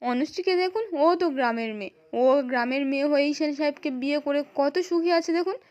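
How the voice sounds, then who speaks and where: A defiant young wife with a West Bengal accent, proud and bitter, as a woman narrator reads her lines. She talks fast and high, accusing and indignant, like a storybook retelling. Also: a little mellow, dull audio, natural voice.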